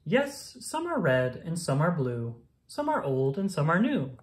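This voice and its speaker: A woman with a low-pitched voice reads a rhyming picture book aloud. Her delivery is singsong and expressive, moving animatedly up and down as a storyteller for children. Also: a little slow.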